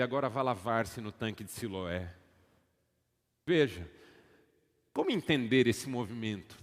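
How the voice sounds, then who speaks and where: A Brazilian pastor preaches in a church auditorium, his mid-pitched voice carrying a long hall reverb. He tells stories with rising, emphatic peaks and calls out to the congregation for responses. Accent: Brazilian Portuguese. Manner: dramatic storytelling, rising to loud emphatic peaks. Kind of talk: sermon.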